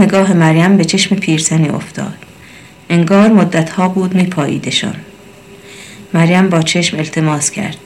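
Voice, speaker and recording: A woman narrating a story in a steady reading voice, shifting slightly for the characters' lines. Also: deep voice, slight background noise.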